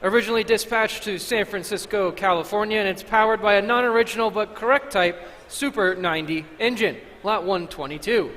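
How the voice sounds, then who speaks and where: A man's voice: sits high, brisk, hardly any pauses, a bit bright. A man announcing auction lots, reading out scripted descriptions of each item. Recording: echoey auction hall.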